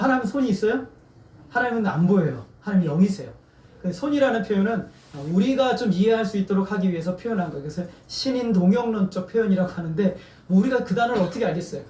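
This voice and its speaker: A man's voice: sits high, a little mellow. A man preaching a sermon as pastor, asking the congregation questions and having them answer back. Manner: asks the congregation questions and has them repeat words. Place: church sanctuary. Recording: echoey church from far off.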